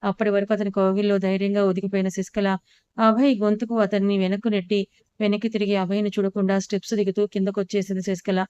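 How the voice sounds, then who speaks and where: A woman's voice: medium pitch, little pitch movement, fast talker, warm tone, smooth, dry recording, lo-fi sound. A woman narrating a romance story and reading all the characters' lines in her own voice.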